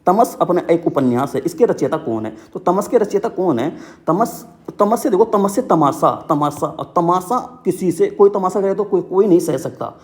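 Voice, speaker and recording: With a fairly high, warm voice, a young man casually drills exam book lists, offering mnemonics and repeating himself. He checks in constantly, saying "ठीक है" again and again.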